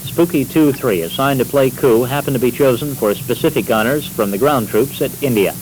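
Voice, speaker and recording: A male reporter delivers formal, scripted narration in a mid-pitched voice. It sounds like a 1960s field report tape with faint hiss behind it. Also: fairly quick, a little mellow, poor audio. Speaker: military news reporter. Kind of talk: scripted narration for an audio feature.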